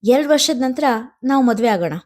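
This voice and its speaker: A woman's voice: sits high, expressive, brisk, a little mellow, pitched above the performer's own voice. A woman voicing a young man in love who talks in an affectionate, coaxing way while feeling torn by his duties. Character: young man, tender lover under family burden.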